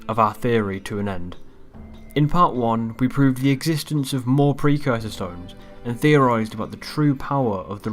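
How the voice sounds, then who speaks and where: A YouTube channel host with a mid-range, fairly bright voice closes out his video with a casual narrated outro. He walks through a game theory recap in an offhand, rambling way that trails off.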